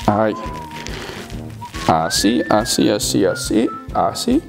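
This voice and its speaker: Young Spanish man, Spain accent, comedic vlog rant, sarcastic and swearing, pitch jumping all over, faint music behind. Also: huge pitch swings, takes it slowly, gravelly. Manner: sarcastic, swearing, acts out little scenes. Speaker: YouTuber.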